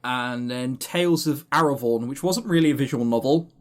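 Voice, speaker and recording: Medium-pitched and speaking at normal speed, this podcast co-host runs through award lists in a rambling, casual chat. He swears casually and his humour stays sarcastic and dry.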